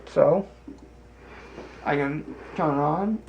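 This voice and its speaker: A man giving a casual hands-on demonstration in a deliberate, halting way, with broken phrasing. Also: fairly high pitch, dull audio. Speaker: host demonstrating a hobby. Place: home basement, indoors. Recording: clear background noise, room ambience.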